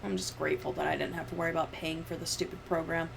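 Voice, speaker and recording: This young American woman talks fast in a low, flat voice as she edits a video on her livestream. Her casual chatter is sweary and sardonic. You can clearly hear background noise and the ambience of the room.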